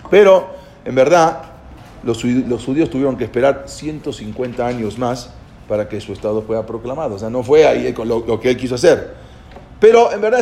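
A man giving an informal history lecture, halting and repeating words as he goes and often checking in with his listeners. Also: mid-range voice, darkish tone. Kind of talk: informal spoken lecture with storytelling.

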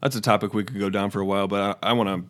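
A man's voice: on the low side, steady tone, rapid-fire, a bit bright. A young adult man co-hosting a casual chat. He is talkative, jokes loosely and laughs easily. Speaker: co-host.

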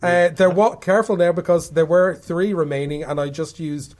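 Higher-pitched Dublin man hosting a chat. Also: fairly even intonation, normal speed, a little mellow. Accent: Dublin Irish. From Dublin, Ireland. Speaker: podcast host. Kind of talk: casual chat.

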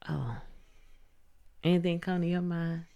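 A woman's voice: lowish voice, fairly even intonation, measured pace, creaky, warm tone. A woman in her thirties co-hosting a podcast, chatty, laughing often and acting out quotes. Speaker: podcast co-host. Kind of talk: casual chat.

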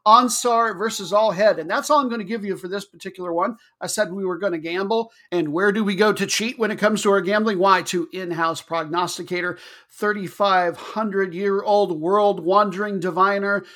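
Male host, high voice, bright and forceful, chatty tongue-in-cheek sports preview. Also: fairly even intonation, normal speed. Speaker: football betting show host. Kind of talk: casual comic sports preview.

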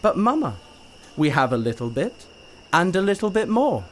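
A man's voice: high voice, sing-song, moderate pace, slight background noise, voice pushed up. A man voicing an eager, cheerful young boy who is always one step ahead, in a read-aloud storybook. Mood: excited.

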